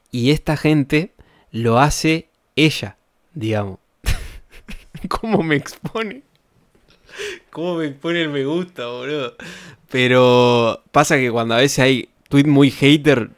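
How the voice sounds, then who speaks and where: A man's voice: mid-range voice, no room sound, studio quality. Sarcastic young Argentine streamer man. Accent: Rioplatense Spanish. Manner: rambling, sarcastic, swears often, laughs at own jokes. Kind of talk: casual chat reacting to tweets.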